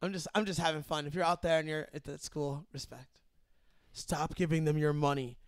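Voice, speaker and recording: A man's voice: fairly high pitch, fairly even intonation, fairly quick, smooth. A young man co-hosting a podcast in casual banter, joking and laughing often. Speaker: podcast co-host.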